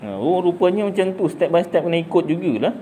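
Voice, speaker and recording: A man's voice: high-pitched, sing-song, fast, mellow, a little hiss or hum. A middle-aged man with a Malaysian Malay accent giving a casual religious talk, chatty and jokey, asking and answering his own questions. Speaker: religious teacher.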